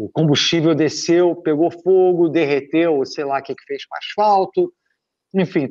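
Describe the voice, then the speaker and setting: A man's voice: on the high side, a little mellow, far from the mic, lo-fi sound. A man from Brazil, a motorsport commentator being interviewed, reminiscing in an easygoing, rambling way. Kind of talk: casual storytelling in an interview.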